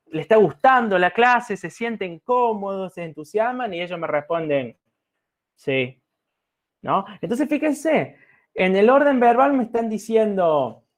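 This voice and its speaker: A man's voice: sits high, darkish tone. A man lecturing to students in a reflective way, often checking in with his listeners, with an Argentine Spanish accent. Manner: reflective, addresses listeners with frequent "¿no?" and fillers. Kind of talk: recorded talk to students.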